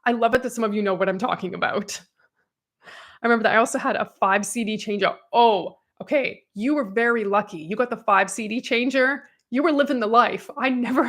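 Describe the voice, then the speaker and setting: A woman in her thirties co-hosts a podcast, chatting casually and animatedly as she reads listener comments aloud and laughs often. Her voice is a little high.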